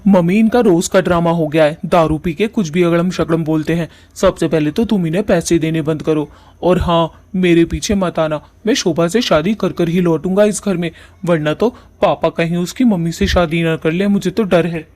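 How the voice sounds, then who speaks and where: Guy doing a young cartoon son, firm and fed up, slightly high voice. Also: moderate pace, hardly any pauses, a little mellow, lightly acted. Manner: firm, complaining. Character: young adult son, firm, protective of bride.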